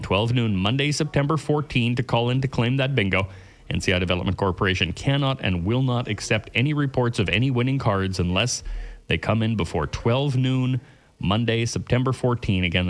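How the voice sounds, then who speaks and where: Man as a radio bingo caller. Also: mid-range voice. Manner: deliberate announcer delivery, repeating numbers digit by digit. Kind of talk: bingo caller announcing rules and numbers on radio.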